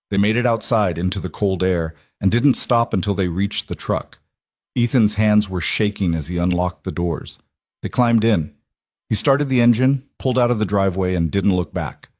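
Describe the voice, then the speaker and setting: A man narrating a dramatic story in an even, measured scripted reading. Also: deep voice, no echo, studio quality.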